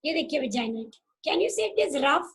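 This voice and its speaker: A woman's voice: high-pitched, big pitch swings, slow, creaky, a little hiss or hum, rough recording. A woman teacher giving an online class, patiently repeating key terms and checking that students follow. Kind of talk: online class lecture mixing Hindi and English.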